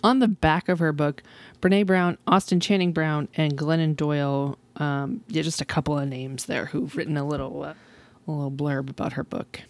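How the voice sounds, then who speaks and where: Low-voiced, chatty woman podcast host. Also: steady tone, moderate pace, darkish tone. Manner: chatty and enthusiastic, laughs often. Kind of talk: casual podcast chat.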